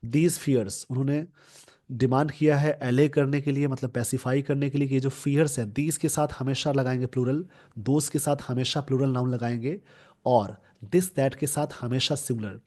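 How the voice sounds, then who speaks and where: A male English teacher explaining a newspaper editorial to exam students. He reads English sentences slowly, then explains them word by word and tells viewers what to note down and remember. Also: medium pitch, fairly even intonation, mellow.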